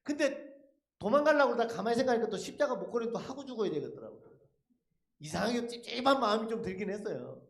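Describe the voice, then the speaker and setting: A man's voice: extremely high pitch, lively intonation, quick pace. A man giving a dramatic testimony at a church service, telling his story with rhetorical questions thrown to the congregation. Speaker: lay speaker giving a testimony. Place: church sanctuary. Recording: echoey church hall.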